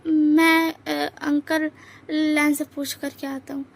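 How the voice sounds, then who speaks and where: A shy young man who talks softly and haltingly, forever apologizing, as in a storybook, as a woman storyteller puts him on. The voice sits high and light. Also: flat delivery, creaky, heavily acted. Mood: timid. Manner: quiet, stammering, apologetic. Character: timid soft-spoken young man, hesitant.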